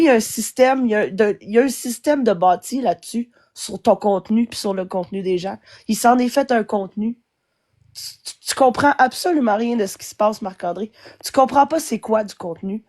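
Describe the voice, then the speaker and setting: A woman's voice: a little high, darkish tone. A woman with a Québécois French accent ranting angrily as a guest on a live stream, swearing often. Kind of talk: angry live-stream rant.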